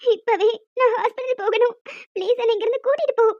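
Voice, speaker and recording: A woman's voice: very high voice, fast talker, no echo. A woman voicing a scheming young woman who wails theatrically in a cartoon. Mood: wailing. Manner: wailing, theatrical. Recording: dull lo-fi recording.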